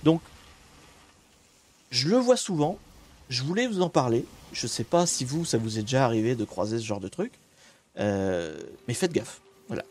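A man's voice: mid-range voice, animated, normal speed, long pauses, a little mellow. A man streaming casual commentary to his audience, talking in a conversational, opinionated way as he thinks aloud. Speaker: streamer talking about cybersecurity.

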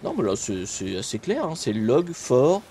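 A man's voice: mid-range voice, unhurried, slight background noise. Laid-back young male streamer, chatty and rambling, greeting his viewers between restarts. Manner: relaxed, rambling, many fillers and restarts. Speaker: streamer and host. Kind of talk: casual live-stream chat while gaming.

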